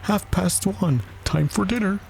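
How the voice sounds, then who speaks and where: A man's voice: high-pitched, a little slow, creaky, a little mellow, slight background noise, voice pushed up. A man voicing an eccentric storybook hatter, contemptuous and pedantic, with a mournful streak. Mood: persuasive. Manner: haughty, pedantic, plaintive.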